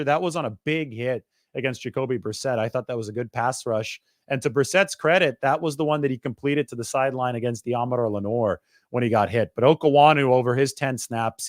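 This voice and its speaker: A man's voice: medium pitch, no room sound. Male sports reporter, conversational stat breakdown, dry close sound. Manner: quick, stat-heavy, conversational. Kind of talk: sports analysis monologue.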